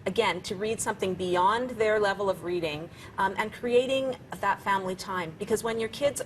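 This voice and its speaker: A woman's voice: medium pitch, normal speed, slight background noise, low-quality recording. A woman speaking as a parenting expert, explaining conversationally in a practical, encouraging way.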